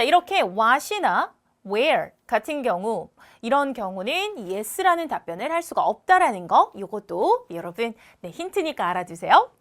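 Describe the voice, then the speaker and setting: A woman's voice: sits high, fairly bright tone. A young woman teaching an English lesson, explaining each question step by step with patience and repeating words to drill pronunciation. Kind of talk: recorded exam walkthrough lesson.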